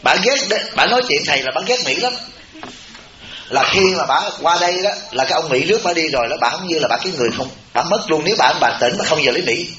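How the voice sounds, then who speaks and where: This Buddhist abbot speaks quickly in a voice on the high side, with a Southern Vietnamese accent and crowd noise around him. His dharma talk to retreat listeners is humorous and chatty, full of storytelling that turns animated whenever he quotes someone. It was captured in a noisy temple hall with a roomy, dull sound.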